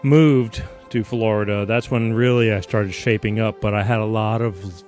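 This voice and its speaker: A man from Connecticut, USA hosts a live-streamed talk show, rambling and digressing with frequent restarts and casual swearing. His voice is on the low side and darkish, with a steady tone and moderate pace, over soft background music.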